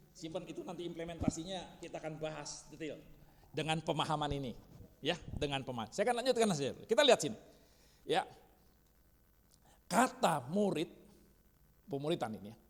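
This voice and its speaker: A man's voice: on the high side, slight background noise. A man teaching a church discipleship class, constantly quizzing his listeners. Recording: reverberant hall.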